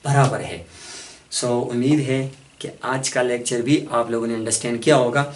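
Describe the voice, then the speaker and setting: A man teaching a math lesson. He explains each step slowly, keeps asking questions and then answers them himself. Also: mid-range voice, level tone, slight background noise. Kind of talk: classroom lecture. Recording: echoey room, mic far off.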